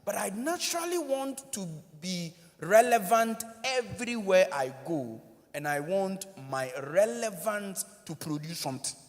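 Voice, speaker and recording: A man with a Ghanaian accent, a church minister giving an animated, joking conference talk that switches between English and Twi. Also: sits high, unhurried. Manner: animated, joking, code-switching, addresses audience directly. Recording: long reverb of a large hall.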